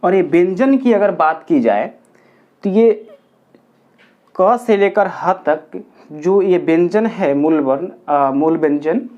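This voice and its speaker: Slow, patient man teaching a lesson. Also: sits high, darkish tone. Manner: slow, counts aloud step by step; repeats points for pupils. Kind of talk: whiteboard grammar lesson. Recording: dull lo-fi recording.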